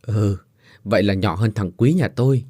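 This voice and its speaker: A man voicing a kindly older mother who speaks gently but firmly. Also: fairly low pitch, normal speed, no room sound, studio quality, close to an everyday voice. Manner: soothing, motherly, firm.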